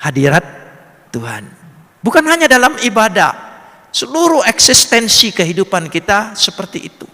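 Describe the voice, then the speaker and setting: A man preaching a sermon, swelling to emphatic peaks and dropping to quiet, earnest stretches. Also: high voice, sing-song, normal speed. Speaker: pastor. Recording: long hall reverb.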